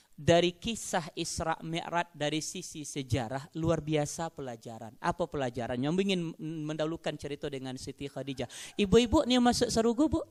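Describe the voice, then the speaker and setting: A man with a Minangkabau accent preaching a sermon, often addressing and teasing the congregation. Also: a little high. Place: mosque gathering.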